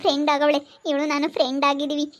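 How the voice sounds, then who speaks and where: A woman voicing a spiteful old female ghost who schemes and gloats, speaking slowly with a rural central Karnataka accent in a village comedy skit. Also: high voice, completely flat delivery, pitched below the performer's own voice, natural voice. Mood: gloating. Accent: rural central Karnataka Kannada.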